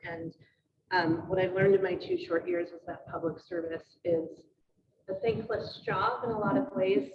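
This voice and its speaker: Woman board member, low and distant. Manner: sincere, with "um" pauses. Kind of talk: remarks at a board meeting. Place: board meeting room. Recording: far-off mic, echoey room, dull noisy sound.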